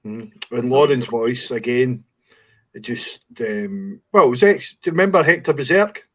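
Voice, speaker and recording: A man's voice: medium pitch, normal speed, rough recording. A Scottish man hosts a casual music podcast. He chats in an easygoing way, circling back with fillers and restarts as he thinks aloud. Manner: relaxed, hesitant, lots of fillers. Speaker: podcast host. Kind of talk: casual chat.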